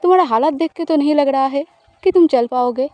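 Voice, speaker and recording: A woman's voice: sits high, brisk, dry recording, lo-fi sound, lightly acted. A woman voicing a smug, teasing possessive spouse. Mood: coaxing.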